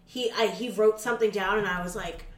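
A woman's voice: mid-range voice, fairly even intonation, a little fast, fairly bright tone. A woman chatting casually, talking bluntly and swearing freely. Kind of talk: casual chat. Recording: echoey room, far from mic, crowd.

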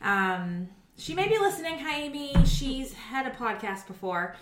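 A woman's voice: high-pitched, big pitch swings, unhurried, loud music behind the voice. A woman in her forties from New England, chatting casually and rambling through a story with lots of fillers. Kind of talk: casual chat. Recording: echoey room.

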